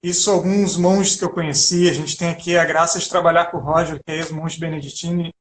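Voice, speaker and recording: A man's voice: on the high side, level tone, fairly quick, slight background noise. A man with a Brazilian Portuguese accent, co-hosting a video-call chat and speaking reflectively and earnestly about sacred music. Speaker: co-host, liturgical music educator. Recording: roomy video call audio.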